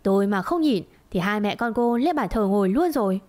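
A woman voicing a wronged older wife, weary but firm, speaking in a cold, steady way in a storybook tale. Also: medium pitch, a little fast, lightly acted.

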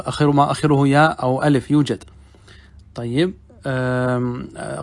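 Middle-aged male sheikh, higher-pitched voice, patient question-and-answer grammar teaching. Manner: explains step by step, asks the class questions and answers them himself; reads quoted text slowly and deliberately. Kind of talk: classroom commentary on a grammar text.

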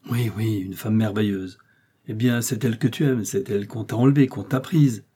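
Man voicing a kindly detective, calm questions, mellow, husky tone. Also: on the low side, moderate pace. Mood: coaxing. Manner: gentle, questioning. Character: calm, kindly middle-aged male detective.

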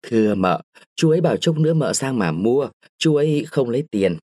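A man's voice: mid-range voice, lively intonation, fairly quick, a little mellow, no echo, clean studio sound, lightly acted. A man voicing a pampered small boy who coaxes and pleads in a babyish way. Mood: coaxing.

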